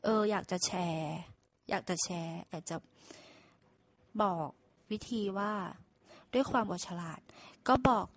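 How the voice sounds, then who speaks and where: A woman's voice: lowish voice, lively intonation, takes it slowly, pauses often, no room sound. A woman casually retelling a fable to listeners, chatty, with asides and self-corrections. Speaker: storyteller.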